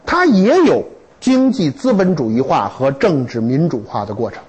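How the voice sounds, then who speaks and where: A man lecturing to students in a lively, humorous way, with stories and rhetorical questions. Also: on the high side, normal speed, breathy edge, lo-fi sound.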